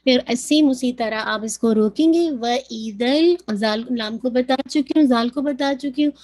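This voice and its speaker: A woman teaching Quran recitation, patiently demonstrating sounds slowly and repeating them. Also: high-pitched, a little mellow. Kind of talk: tajweed lesson, mixing Urdu and English.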